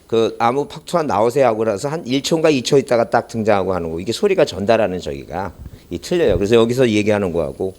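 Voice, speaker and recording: This lowish, sing-song male voice is a little mellow and quick. He's lecturing for exam prep in an academy classroom, his speech muffled by a face mask with the microphone behind it, drifting into asides and then firing rhetorical questions at the class.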